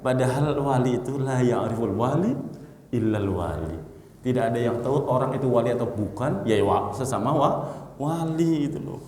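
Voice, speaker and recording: A man's voice: medium pitch, normal speed, a little mellow. A man gives a sermon. He reads Arabic text, explains it, and turns to his listeners teasing asides. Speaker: preacher. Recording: echoey hall with long reverb.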